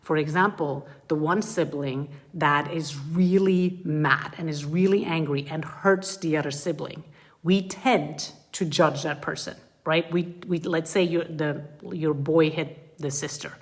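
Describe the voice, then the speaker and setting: A woman coaching parents in a live group talk, her voice low and full. She speaks earnestly and with animation, and often slips into acting out what a parent or child would say. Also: steady tone, unhurried.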